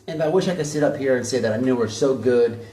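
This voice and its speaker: A man talks quickly in a mellow, medium-pitched voice, hosting online commentary where he bluntly mocks drama and hammers home his opinions through repetition. It was recorded with a distant mic in an echoey room.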